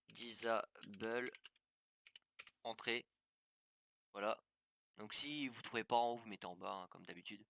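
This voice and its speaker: His lowish voice is creaky yet bright and forceful. A gaming tutorial YouTuber, he guides viewers casually through on-screen settings in a screen-recorded tutorial, step by step, with lots of fillers and restarts.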